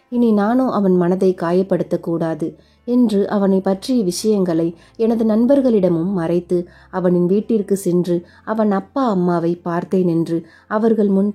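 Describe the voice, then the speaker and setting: A woman's voice: fairly low pitch, dark tone. A woman reading a first-person love story aloud, voicing every character's lines in her own voice without changing it.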